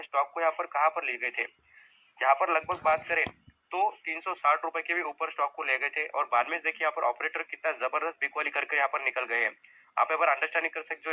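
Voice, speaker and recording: Bright-voiced man explaining stock market lists. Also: on the high side, a little hiss or hum, low-quality recording. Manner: repetitive, conversational teaching with many fillers. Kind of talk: explanatory screen-share lesson.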